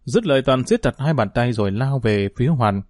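A male audiobook narrator reading a story in a steady, measured way. His voice sits at an ordinary pitch. The sound is dry and close. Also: no echo.

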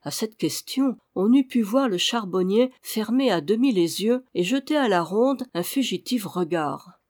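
A reader narrating a historical adventure novel in a measured way. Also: medium pitch, animated, a little mellow. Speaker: audiobook reader. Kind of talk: scripted narration.

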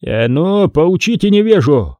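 A man reads the part of a haughty prince, imperious and commanding. The voice is warm and mellow, and the reading is dry and close. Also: a little high, very animated, measured pace, no echo, voice pushed up. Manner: imperious, indignant.

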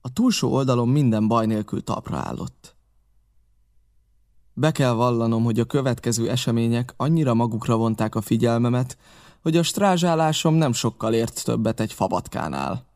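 A man reading a novel aloud as an audiobook narrator, measured and steady. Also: medium pitch.

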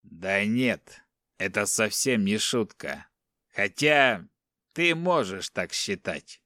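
A man voicing a calm, menacing male captor in a monk's cassock, speaking slowly in a low voice. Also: no echo, studio quality, exaggerated voice. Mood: cold taunting. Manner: slow, measured, low-voiced.

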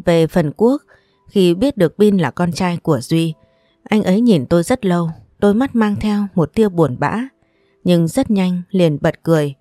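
A woman narrating a first-person audiobook story in a calm, even manner. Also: fairly low pitch, dry recording, studio quality.

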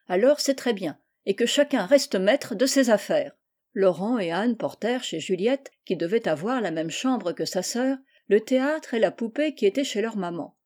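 A woman's voice: medium pitch, mellow. A woman reads a children's novel aloud. She raises her voice for the children's lines and drops it for names and narration. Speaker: reader. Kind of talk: reading a children's novel aloud, voicing dialogue.

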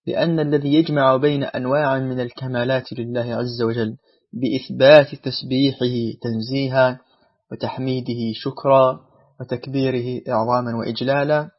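Male religious teacher, husky voice, formal measured lesson delivery, dull lo-fi recording. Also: mid-range voice.

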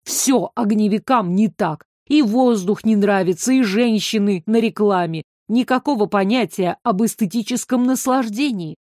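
A woman's voice: medium pitch, normal speed, hardly any pauses, darkish tone, no room sound, clean studio sound, natural voice. A woman voicing a prim, easily embarrassed young man in an audiobook, speaking in an exasperated, pleading way. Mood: irritated.

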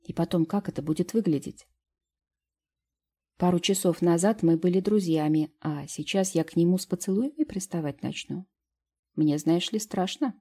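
A woman voicing a shy young woman who speaks softly and hesitantly in an audiobook. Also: lowish voice, normal speed, breathy edge. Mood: timid whisper. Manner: soft, hushed, hesitant. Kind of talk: audiobook character reading.

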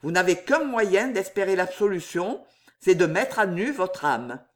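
A cold, commanding older man, as a male reader plays him, heading a secret order and issuing threats with slow, deliberate weight. his voice stays fairly high but controlled. it is read aloud like a storybook. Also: expressive. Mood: cold warning. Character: stern older male superior of an order, menacing.

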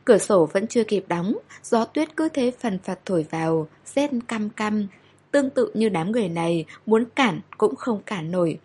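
A woman reading a story aloud in steady, measured audiobook narration. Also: mid-range voice, breathy edge.

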